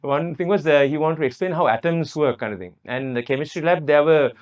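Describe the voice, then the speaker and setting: A man reminiscing about his school days in a casual chat, halting often with fillers and restarts. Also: on the high side, lo-fi sound. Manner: hesitant, many fillers and restarts. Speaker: alumnus guest.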